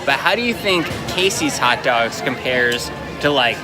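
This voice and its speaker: A man's voice: mid-range voice, animated, measured pace. A man co-hosting a casual, conversational food review, often restarting his sentences as he gives his opinion. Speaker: co-host of a food review show. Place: outdoors in a busy theme park. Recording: busy outdoor crowd, music behind.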